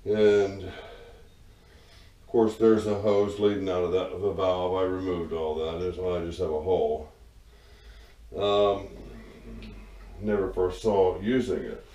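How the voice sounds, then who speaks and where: A low-voiced man talks his way through a casual shop vlog, rambling and dry-humored, with a mellow, relaxed tone. He sits back from the mic in an echoey home machine shop. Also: a little slow, pauses often, far from the mic. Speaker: hobby machinist. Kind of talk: casual workshop vlog narration. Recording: roomy echo, voice away from the mic.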